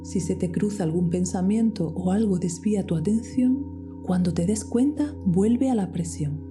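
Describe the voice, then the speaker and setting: A woman guiding a meditation in a soft, slow voice that often drops to a whisper. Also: mid-range voice. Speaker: meditation guide. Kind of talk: guided meditation. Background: soft music with singing bowls.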